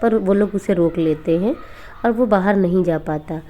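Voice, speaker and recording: Woman narrating a cartoon horror story, low voice, mellow and steady. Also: moderate pace, a little hiss or hum.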